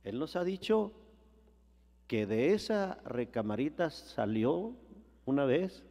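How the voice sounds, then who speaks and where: Slow-preaching man in an echoing hall. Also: a little high, sing-song. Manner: preaching with repeated calls of "hermano" and rhetorical questions; slow, drawn-out phrasing that swells louder at climaxes. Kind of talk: sermon.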